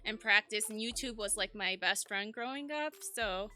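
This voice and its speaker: Guest, woman, 20s. Very bright, upbeat, laughs easily. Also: medium pitch, soft background music. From Chicago, USA. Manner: upbeat and giggly, quick with laughs. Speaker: guest, model. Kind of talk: casual interview chat.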